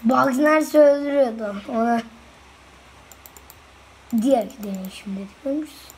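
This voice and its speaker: A woman giving casual, excitable commentary over a video game she is playing. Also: high voice, a little slow, a little hiss or hum. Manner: excitable, chatty, reacts out loud to the game. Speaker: gameplay video host.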